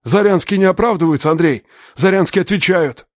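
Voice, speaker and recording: A man's voice: mid-range voice, normal speed, a little mellow, dry recording, clean studio sound, pitched above the performer's own voice, close to an everyday voice. A man voicing a stern, furious older father who runs a company, barking commands in an audiobook reading. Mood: shouting angrily. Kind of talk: audiobook narration.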